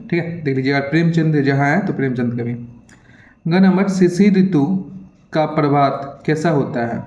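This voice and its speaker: A man with a slightly raised voice works through an exam paper as a teacher, reading each question and explaining the answer in a hurried, repetitive way. The sound is dull and lo-fi, bouncing around an echoey room. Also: on the high side, a little mellow. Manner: repetitive, keeps checking in with "theek hai"; hurried, reads questions aloud then explains.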